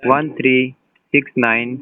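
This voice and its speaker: A man, heard over a phone line, answering a bank caller slowly and hesitantly and asking many questions. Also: mid-range voice, level tone. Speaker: bank customer receiving a call. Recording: dry, tinny phone call recording.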